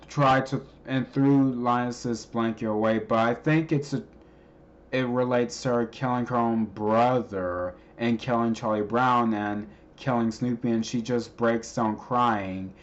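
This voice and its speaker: A man casually explaining a creepy cartoon clip, rambling with many pauses and restarts. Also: medium pitch, highs cut off. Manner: hesitant, many ums and restarts. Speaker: video narrator explaining a clip.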